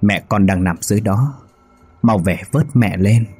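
A man with a husky voice playing the ghost of an old father who speaks slowly and sorrowfully. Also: fairly low pitch, a little mellow, faint music behind. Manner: slow, sorrowful.

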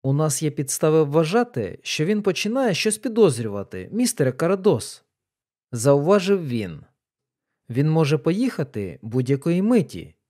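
A man's voice: fairly high pitch, sing-song, moderate pace, darkish tone. A man voicing a gloomy police inspector. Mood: grave.

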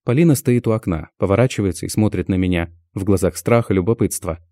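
Guy reading a novel in first person, low mellow voice, dry close mic. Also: fast, dry recording. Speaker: audiobook narrator.

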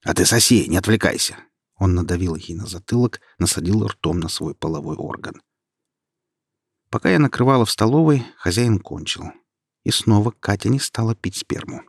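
Low husky man reading a story. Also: normal speed, dry recording, studio quality. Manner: steady storytelling. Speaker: narrator. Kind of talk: audiobook reading.

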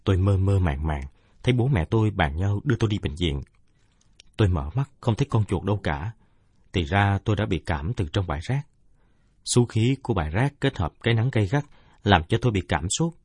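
Low husky male narrator. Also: no echo. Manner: steady, measured storytelling. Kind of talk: first-person audiobook narration.

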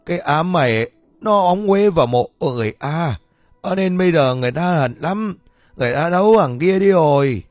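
A man's voice: a little high, lively intonation, dry recording, faint music behind, voice pushed up, lightly acted. A man voicing an irritable old male shaman who stutters and stumbles over his words. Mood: halting. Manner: halting, loud, quick to flare up.

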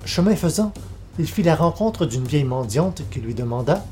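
A man reading a folk tale aloud as narrator, in a measured, even storytelling manner. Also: a little high, soft background music.

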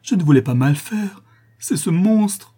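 A man's voice: medium pitch, normal speed, warm tone, breathy edge, close to an everyday voice. A man voicing a desperate young woman in an audiobook, crying out in anguish. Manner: pleading, anguished cries. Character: desperate young woman, daughter of a ruined artisan. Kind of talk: audiobook character reading.

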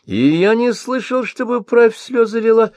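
A man's voice: very high-pitched, expressive, normal speed, darkish tone, no room sound, pitched above the performer's own voice. A man voicing a curious sorcerer who coaxes a storyteller to go on. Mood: eager. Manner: eager, coaxing. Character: curious male sorcerer, eager listener.

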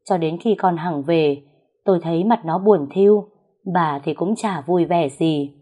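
Woman narrator for a first-person tale, low and mellow, calm delivery. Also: measured pace. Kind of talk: storytelling narration.

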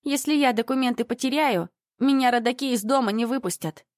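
A woman's voice: fairly high pitch, fairly quick, no room sound, pitched above the performer's own voice, close to an everyday voice. A woman doing a timid, anxious teenage girl. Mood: refusing. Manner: pleading, worried.

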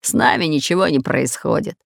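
A woman voicing a fat, red-bearded, bossy pirate captain in an audiobook, speaking in a gruff, commanding way. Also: low voice, lively intonation, brisk, dry recording, clean studio sound, exaggerated voice. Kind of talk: audiobook character voice.

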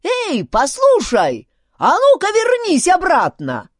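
A squeaky, creaking old chief who shrieks threats in a high, loud voice, put on by a woman reading the story. The delivery lurches wildly in pitch, and the recording is dry and close. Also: huge pitch swings, a little slow, no room sound, exaggerated voice. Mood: furious. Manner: shouting threats.

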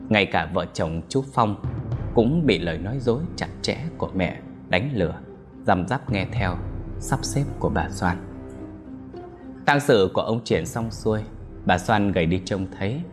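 A man narrating a dark village story in an expressive, dramatic way. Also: sits low, normal speed, over music.

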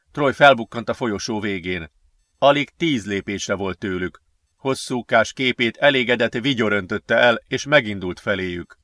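A man reading an adventure novel aloud as an audiobook narrator, steady and measured. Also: on the low side, dry recording, studio quality. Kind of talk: scripted narration.

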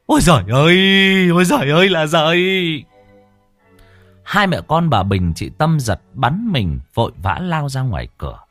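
A man narrating a horror audiobook in a dramatic, expressive storytelling manner. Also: lowish voice, dry recording, clean studio sound. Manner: expressive, rising and falling storytelling.

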